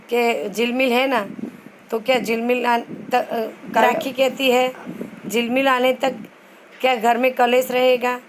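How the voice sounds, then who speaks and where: A somewhat high-pitched woman casually recaps a TV serial episode. She reads each character's lines aloud without acting them out, in a flat, even voice, and often stumbles and restarts mid-sentence. A faint hiss sits under her voice. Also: poor audio. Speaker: channel host recapping a TV serial.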